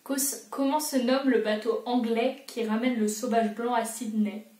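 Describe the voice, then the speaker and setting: A woman's voice: on the high side, steady tone, a little slow, darkish tone, far from the mic. A young woman talks through a quiz in a casual, self-mocking vlog voice. She sits a little back from the mic in a roomy, echoing space. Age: young adult. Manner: chatty, self-mocking, thinking aloud. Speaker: booktuber.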